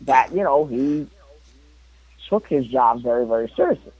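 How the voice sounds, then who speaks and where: A man's voice: medium pitch, animated, moderate pace, lo-fi sound, crowd noise. A man co-hosting a podcast in casual chat, rambling with lots of fillers. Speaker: podcast co-host.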